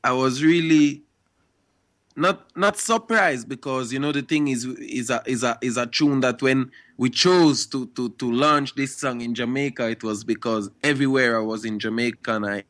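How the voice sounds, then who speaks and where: A man's voice: medium pitch, normal speed, fairly bright tone. A young man, a reggae and dancehall artist, answering interview questions in a laid-back way with frequent "you know" and "you understand" tags. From Guadeloupe and Switzerland.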